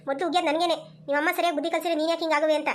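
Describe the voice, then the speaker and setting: A woman's voice: very high-pitched, steady tone, racing. A woman voicing a strict village mother in a cartoon, who scolds and nags. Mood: scolding. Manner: scolding, nagging. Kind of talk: cartoon voice acting.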